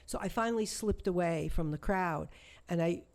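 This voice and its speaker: A woman with a somewhat low voice speaks as an interview guest. She tells a personal story with feeling, stumbling, restarting and repeating herself as she goes. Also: darkish tone. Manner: halting, emotional, many restarts and repetitions. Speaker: shamanic healer guest.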